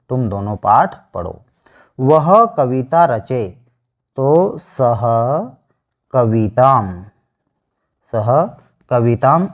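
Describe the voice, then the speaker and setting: A man teaching Sanskrit grammar online, slowly repeating each answer after asking it back. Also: mid-range voice. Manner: slow, repeats answers with rhetorical questions. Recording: dull lo-fi sound.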